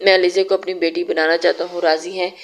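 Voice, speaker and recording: A woman voicing a gentle, reassuring father in a read-aloud romance. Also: fairly low pitch, quick pace, natural voice. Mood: calm kind. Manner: calm, reassuring. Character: gentle older father, calm and wise.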